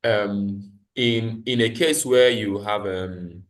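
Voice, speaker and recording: With a voice on the low side, a man slowly talks through a live screen-share tutorial on an online video call. He facilitates the training instructively, explaining each step and repeating key points.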